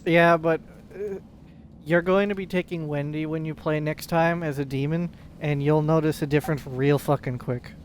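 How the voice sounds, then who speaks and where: A man's voice: a little high, steady tone, moderate pace, slight background noise. A man giving casual gameplay commentary with dry, teasing banter. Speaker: gamer playing and commenting.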